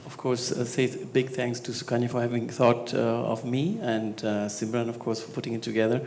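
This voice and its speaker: A man from Spain, a scholar on a panel, speaking conversationally with many hesitations and growing more animated as he goes. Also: mid-range voice, brisk, vocal fry, slight background noise. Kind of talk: conversational talk on stage. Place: talk venue stage.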